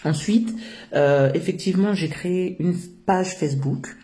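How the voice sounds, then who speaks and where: Hesitant woman speaking in a mellow voice. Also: on the low side, unhurried. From France. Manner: hesitant, many filler sounds, earnest. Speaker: founder of a social work business. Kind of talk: interview answers.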